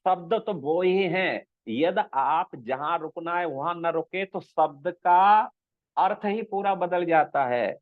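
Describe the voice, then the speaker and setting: A man speaking as a spiritual teacher, unhurried and explanatory, now and then intoning a verse and asking if his listeners follow. His voice sits fairly high for a man. The sound is dry and thin, as if over a phone line. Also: no echo. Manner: slow, explanatory, checks with listeners. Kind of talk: scriptural discourse.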